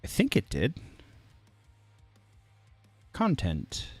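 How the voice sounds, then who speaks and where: A man's voice: fairly low pitch, wildly swooping pitch, drawn-out words, breathy edge, no echo, faint music behind. A man hosting a casual pop culture news livestream, rambling, correcting himself and chuckling as he reads headlines. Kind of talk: casual live news commentary.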